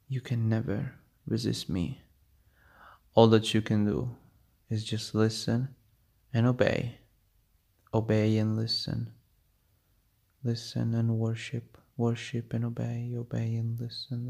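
A man with a gravelly, mellow voice talks slowly and evenly through an ASMR hypnosis roleplay. He keeps a flat, steady tone and often drops into a soft whisper. He chants commands over and over. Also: mid-range voice.

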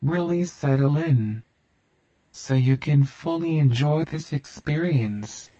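A man guiding a hypnosis induction in a slow, soothing, repetitive cadence. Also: fairly high pitch, warm tone, muffled recording.

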